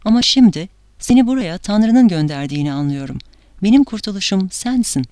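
A woman's voice: mid-range voice, animated, fairly quick, dark tone, no room sound, studio quality, lightly acted. A woman voicing a fervent male priest, zealous and anguished, with an intense, fanatical delivery.

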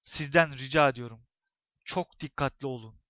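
A man's voice: medium pitch, normal speed, no echo, highs cut off, lightly acted. A man voicing a grim, unhinged middle-aged woman neighbor in a spoken story, with theatrical, ominous delivery. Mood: urgent. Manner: theatrical, ominous, rising to shouts.

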